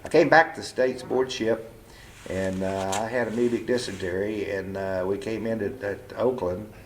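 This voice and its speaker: Man in his seventies, low voice, plain-spoken, blunt, halting with restarts, home interview, faint background hiss. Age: 70s. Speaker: veteran being interviewed. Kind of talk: casual oral-history interview. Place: living room of his home.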